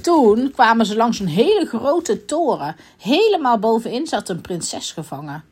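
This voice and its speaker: Playful, expressive woman reading a children's story. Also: fairly high pitch, unhurried, slightly rough.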